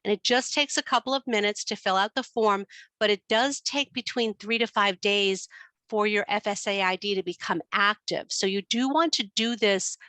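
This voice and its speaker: Woman, New York accent, webinar presenter, steady explanations, frequent ums, bright voice, dry sound. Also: medium pitch, normal speed, no room sound. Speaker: financial aid presenter. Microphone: computer mic on a video call.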